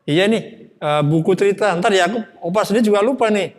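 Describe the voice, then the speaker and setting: A man playing a kindly, patient old grandfather in a children's church skit, with a slow grandpa voice full of hums. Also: sits high, close to an everyday voice. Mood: kindly, slightly muddled. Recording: echoey hall with long reverb.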